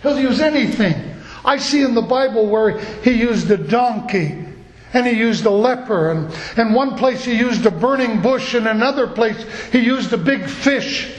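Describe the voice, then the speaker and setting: A man's voice: very high voice, expressive, moderate pace, reverberant, low-quality recording. A middle-aged man preaching a sermon, earnest and telling stories from his own life. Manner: earnest, storytelling.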